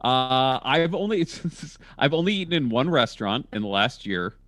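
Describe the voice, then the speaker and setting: On a casual video-call podcast, an animated man speaks at a moderate pace, recorded dry. A comedian and comedy label engineer at home in a college town, he tells stories with sudden pitch leaps when quoting others.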